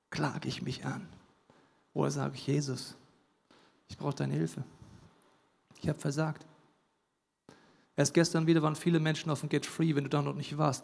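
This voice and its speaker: A man's voice: a little high, creaky. Emphatic preacher man in a reverberant hall. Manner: emphatic, swings from loud declaiming to hushed intimacy. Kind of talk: sermon.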